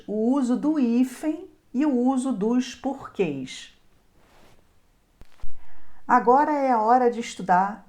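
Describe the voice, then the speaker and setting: Clear-spoken teacher woman. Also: fairly high pitch, a little mellow. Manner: clear, deliberate, slows down to spell out example words. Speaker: Portuguese teacher. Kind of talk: online grammar lesson.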